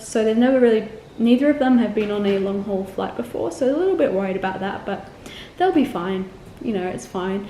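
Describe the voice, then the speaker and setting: Speaking with a medium pitch and a dark tone, a young Melbourne woman who vlogs about travel chats to camera in a loose, rambling way, often saying um and correcting herself. Faint ambient noise and echo fill the room.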